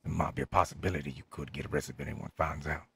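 A man improvising casually in a game roleplay, hesitant and stammering, repeating his words, with a gravelly, husky voice. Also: rumbling low, steady tone, racing, fairly bright tone.

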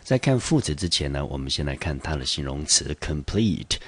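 A man with a Taiwanese Mandarin accent teaching English vocabulary, explaining patiently and slowing down to pronounce each English word. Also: extremely low pitch, very animated, slightly rough. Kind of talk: vocabulary lesson.

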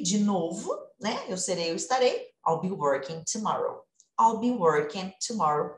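A woman teacher talks her way through an informal online lesson, with a lively, chatty manner and a voice a little higher than most. She moves easily between explanations and spoken examples. The room gives her voice a noticeable echo. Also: a little hiss or hum. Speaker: English teacher.

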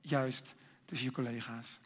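A man giving a sermon, earnest and emphatic, building up to loud exhortation. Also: medium pitch, level tone, a little slow, slightly rough.

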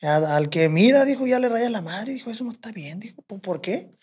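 Here a man talks in a high, expressive voice at a fairly quick clip, darkish in tone and breathy at the edges, his Spanish marked by a Sinaloan Mexican accent. As a podcast guest he rambles through a long, foul-mouthed anecdote, casually quoting his own words and other people's.

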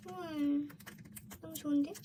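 High-pitched girlish woman, casual unboxing vlogger. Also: steady tone, a little slow, warm tone. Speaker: vlogger opening collectible merchandise. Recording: clearly noisy background.

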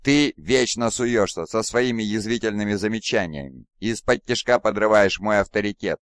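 A man's voice: lowish voice, moderate pace, smooth, dry recording, close to an everyday voice. A furious, arrogant demigod warlord, voiced by a man reading an audiobook, bellowing in a raised, strained voice. He spits contempt at those beneath him and demands obedience. The read is dry and close. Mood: contemptuous. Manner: imperious, raging, contemptuous shouting. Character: arrogant wrathful demigod warlord, male, towering.

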